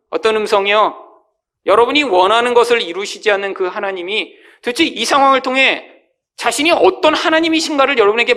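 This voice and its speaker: A male pastor preaching a sermon with emphatic, rising exclamations that drop away quietly at the end of phrases, often calling out to the congregation. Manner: swells to high exclamations, then drops low and quiet at phrase ends.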